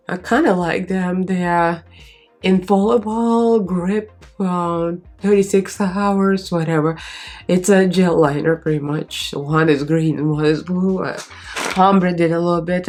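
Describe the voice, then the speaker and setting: This beauty vlogger's medium-pitched, slightly mellow voice is congested and nasal from a cold, with some strain. She rambles casually and uses fillers, talking the viewer through her makeup while she puts it on.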